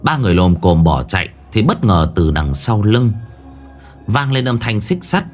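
A man's voice: on the low side, big pitch swings, normal speed, a little mellow, soft background music. A man narrating a horror story with dramatic, suspenseful delivery.

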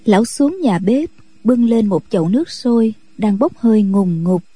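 A woman narrating a martial-arts novel as a radio story reading, in a steady, measured way with a husky voice. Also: medium pitch, no room sound.

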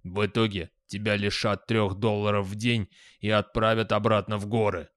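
A man voicing a huge, good-natured male troll who is proud of his manners, speaking in a slow, booming drawl. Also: little pitch movement, fairly bright tone, no echo, close to an everyday voice. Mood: booming, friendly. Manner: slow, booming, drawn-out speech. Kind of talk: audiobook character voice.

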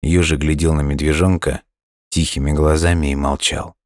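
A man narrating a children's story audiobook in a calm, unhurried way. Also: rumbling low, no room sound, clean studio sound.

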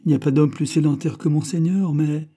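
Guy doing a fat old servant, fussy and whiny, raised voice, dark husky tone. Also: on the high side, a little fast, pitched above the performer's own voice, close to an everyday voice. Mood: eager. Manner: excitable, plaintive exclamations. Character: fat elderly male servant, fussy and sentimental.

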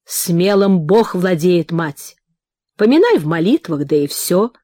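Woman reading a gluttonous old priest: hearty, slow, merry. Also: on the low side, big pitch swings, mellow, no echo, clean studio sound. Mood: jovial. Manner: boisterous, hearty, fond of food.

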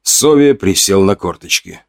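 A man narrating a first-person audiobook in a low, steady voice. The recording is close and dry, with no room around it. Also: a little slow, no room sound.

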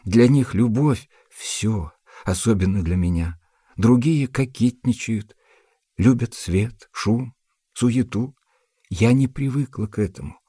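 A man's voice: fairly low pitch, expressive, normal speed, warm tone, breathy edge, dry recording, studio quality. A man voicing a jilted young woman in a storybook reading, threatening revenge and pleading desperately. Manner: threatening, then tearful and pleading.

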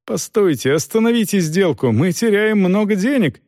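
A man voicing a frantic, outraged mercenary captain who shouts in a high, indignant voice. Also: huge pitch swings, normal speed, no echo, clean studio sound, heavily acted. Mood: pleading. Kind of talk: audiobook character voice.

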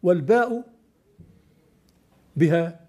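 A man's voice: sits high, lively intonation, takes it slowly, darkish tone. An older man teaching classical Arabic poetry, explaining step by step and questioning his student.

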